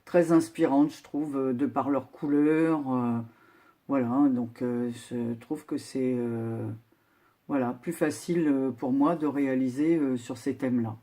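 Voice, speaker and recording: An older woman chatting casually as she shows a handmade craft project, unhurried with many filler pauses. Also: very deep voice, warm tone. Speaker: crafting vlogger. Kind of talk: casual show-and-tell craft video.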